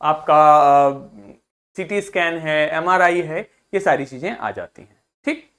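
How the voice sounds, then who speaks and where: A man's voice: fairly high pitch, takes it slowly, a bit bright. Role: teacher. Sex: man. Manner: drills pronunciation. Style: vocabulary lesson. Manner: drills pronunciation, breaks words into parts, asks class to repeat; explains in Hindi mixed with English terms. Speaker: school teacher.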